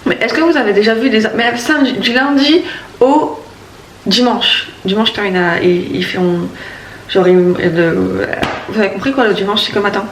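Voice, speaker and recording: A woman's voice: mid-range voice, moderate pace. A young woman from the Paris region, with a sore throat, chatting casually to camera at home in a rambling, hesitant way with many restarts. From Paris region, France. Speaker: vlogger. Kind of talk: casual morning chat to camera. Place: at home, indoors. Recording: echoey room, voice far from mic, faint hum.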